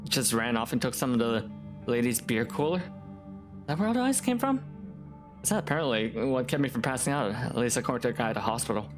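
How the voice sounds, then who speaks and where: A man's voice: mid-range voice, voice pushed down, close to an everyday voice. A man voicing a tough young woman in a game who wryly recounts an embarrassing memory.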